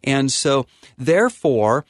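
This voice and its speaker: A man's voice: mid-range voice, big pitch swings, slow, no echo, studio quality. A man, an attorney, earnestly explaining a faith-based view of estate planning in a preacherly way, often stopping to restart with ums. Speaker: attorney guest.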